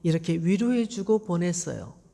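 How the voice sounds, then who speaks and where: A woman pastor telling a Bible story in simple, gentle language during a sermon, with emphatic repetition. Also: on the low side, big pitch swings, normal speed, gravelly, in a large hall. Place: church.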